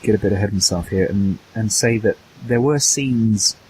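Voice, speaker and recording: A man's voice: on the low side, normal speed, a little mellow, a little hiss or hum, poor audio. Hesitant man chatting about games. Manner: hesitant, restarts and repeats words while thinking. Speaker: podcast co-host. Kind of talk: casual gaming podcast chat.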